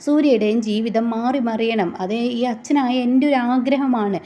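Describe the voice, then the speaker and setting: An elderly, remorseful father pleads quietly and humbly, as a woman puts him on. The voice sits mellow and a little high. The recording is dull and lo-fi. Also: normal speed, lightly acted. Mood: hopeful.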